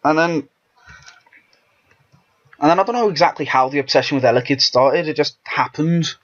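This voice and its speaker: A man's voice: a little high, normal speed. Rambling man commentating a game. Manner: rambling, self-interrupting chatter. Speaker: let's play host. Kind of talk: casual gameplay commentary. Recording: dull lo-fi recording.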